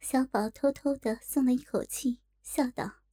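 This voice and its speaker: A woman reads a story aloud at a steady, measured pace. Her voice is mellow and warm, pitched somewhat high. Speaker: audiobook narrator. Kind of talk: storybook narration.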